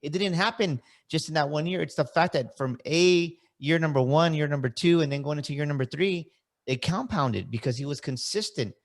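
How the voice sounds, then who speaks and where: A man in his forties with a somewhat high voice and slightly quick pace hosts a podcast interview. His motivational talk is fervent, and he repeats phrases for emphasis.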